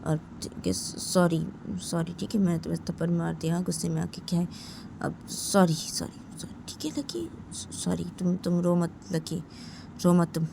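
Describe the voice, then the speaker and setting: A woman's voice: lowish voice, little pitch movement, moderate pace, vocal fry, background noise. A woman voicing a protective young man who questions his partner insistently and tells her not to cry. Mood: stern. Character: protective young man, stern then consoling.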